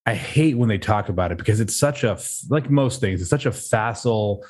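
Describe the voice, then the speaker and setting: A man's voice: lowish voice, expressive, darkish tone, husky. A man co-hosting a podcast in casual chat, joking and stumbling over restarts before making his points firmly. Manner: joking, halting restarts, then opinionated. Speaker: podcast co-host.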